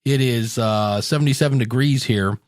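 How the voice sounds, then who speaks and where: This is a solo teaching podcast from an American man in Ohio, who coaches listeners directly and conversationally. He has a medium-pitched voice at normal speed, captured in a dry, studio-quality recording.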